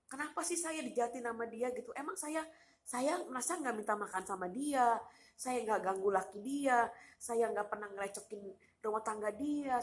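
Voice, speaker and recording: A woman's voice: medium pitch, slight background noise. A woman vlogger rants to her viewers about a cruel relative, repeating herself, firing off rhetorical questions and using casual street slang. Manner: aggrieved, repetitive venting straight to viewers. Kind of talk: eating vlog with a personal rant.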